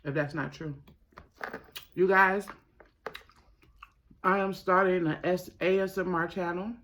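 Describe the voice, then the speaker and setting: A man hosting a mukbang, talking casually to viewers with his mouth sometimes full, gossipy and emphatic, pausing and repeating phrases. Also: sits high, fairly even intonation, a bit bright, slight background noise. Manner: talks while eating, mouth sometimes full. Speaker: mukbang host. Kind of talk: casual chatty commentary to viewers while eating.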